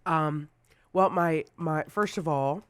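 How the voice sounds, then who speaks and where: A man in his forties, a guest on a talk show, chatting casually and telling animated stories. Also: a little high, slow, clear, resonant tone, dry recording. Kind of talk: casual chat.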